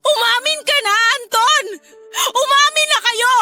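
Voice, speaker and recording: A jealous pregnant wife, high and sharp. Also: female voice, animated, normal speed, soft background music, exaggerated voice. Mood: hysterical. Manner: sharp, confrontational, spiralling into hysterical shouting. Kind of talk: radio drama acting.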